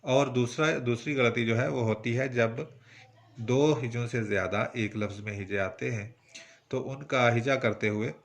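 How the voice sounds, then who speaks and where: A man's voice: medium pitch, measured pace. A man from Pakistan with a Punjabi-tinged Urdu accent, teaching a poetry lesson patiently and breaking words into syllables. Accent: Punjabi-influenced Urdu. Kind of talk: instructional lesson.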